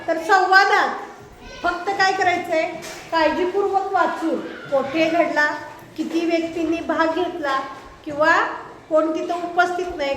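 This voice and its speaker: A woman's voice: extremely high pitch, fairly bright tone, a little hiss or hum. A woman schoolteacher giving a classroom lesson, asking her pupils check questions again and again. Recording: roomy echoey classroom.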